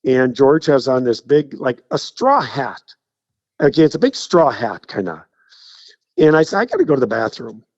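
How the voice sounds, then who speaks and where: A man's voice: mid-range voice, moderate pace, dry recording, muffled recording. A man telling stories as a guest on a radio show, acting out the people in them. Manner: animated anecdote teller, acts out the people in his stories.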